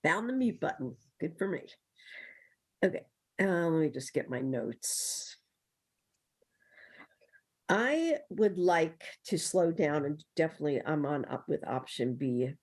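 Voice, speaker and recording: A woman council member speaking in a meeting over a video call whose connection keeps breaking up, candid and halting. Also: deep voice, animated, darkish tone, slightly rough. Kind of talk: meeting discussion.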